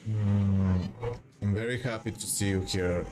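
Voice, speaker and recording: A man's voice: on the low side, steady tone, a little slow, over music. A man from Bulgaria, live streaming a game and chatting in a hesitant, rambling way as he reads the chat aloud. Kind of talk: casual live-stream chat while gaming.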